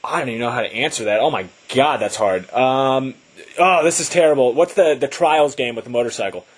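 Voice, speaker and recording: A man co-hosting a casual podcast, joking and pitching ideas in an upbeat way. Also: brisk, husky. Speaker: podcast co-host.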